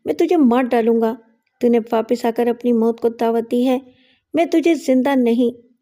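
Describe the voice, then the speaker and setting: An older father, voiced by a woman narrator in an audio drama, frightened, confused and quick to rage. The woman's voice keeps its warm, mellow tone and fairly high pitch. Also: lightly acted. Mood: angry. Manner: anxious, then raging and threatening.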